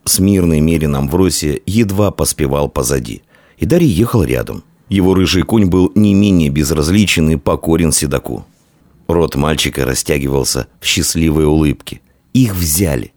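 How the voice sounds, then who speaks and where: A man narrating an audiobook in an expressive, dramatic storytelling manner. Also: a bass voice, moderate pace, dry recording.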